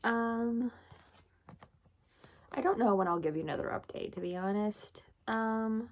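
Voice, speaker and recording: A woman's voice: mid-range voice, darkish tone. Woman, book vlogger, loose chatty recap delivery, casual and profane. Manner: chatty, lots of fillers, swears freely.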